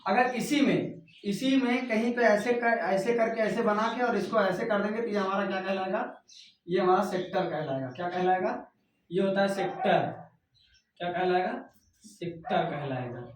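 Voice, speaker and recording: A man's voice: sits high, fairly even intonation, moderate pace, a little hiss or hum. A male teacher giving a math lesson at a whiteboard. He keeps repeating each term as a question and then answers it himself. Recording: echoey room, voice from far off.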